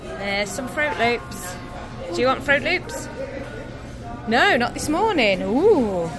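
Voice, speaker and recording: A woman's voice: a little high, big pitch swings, takes it slowly, crowd noise. Chatty woman vlogging, music underneath. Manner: chatty, upbeat, talks to her kids while filming. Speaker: family vlogger and mother. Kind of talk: casual vlog narration. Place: large busy diner.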